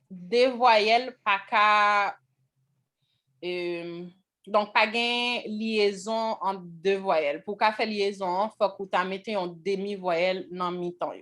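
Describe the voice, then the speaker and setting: A woman leads a classroom lesson on vowel sounds at a slow, deliberate pace. She keeps stopping to ask whether everyone is following. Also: mid-range voice, sharp tone. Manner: slow, checks in with the class often. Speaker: language teacher.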